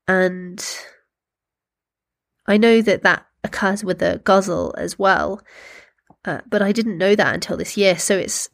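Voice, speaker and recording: Slow-paced, thoughtful woman in a lower register. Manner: gentle, unhurried, thoughtful, pausing to find words. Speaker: poetry workshop host. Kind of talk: reflective talk with slow poetry readings.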